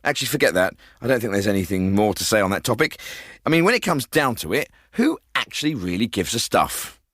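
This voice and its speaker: A man's voice: lowish voice, big pitch swings, a little fast, a bit bright, no room sound. An actor playing a glib, self-satisfied male host of a radio phone-in show. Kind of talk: comedy phone-in hosting.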